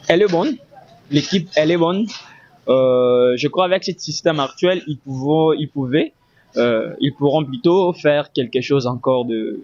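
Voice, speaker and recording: A man from the Democratic Republic of the Congo answering a street interview, halting and searching for words. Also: medium pitch, a little mellow, muffled recording.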